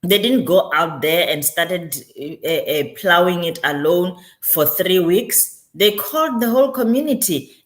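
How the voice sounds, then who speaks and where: Low-voiced woman speaking with repeated emphasis. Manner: emphatic, repeats phrases for weight. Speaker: guest speaker, community developer and author. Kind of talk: reflective interview talk.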